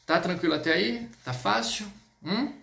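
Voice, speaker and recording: A man's voice: sits high, normal speed, vocal fry, bright, forceful tone, echoey room. A man with a Brazilian Portuguese accent teaching a live online French lesson, patiently repeating words and checking in with his students.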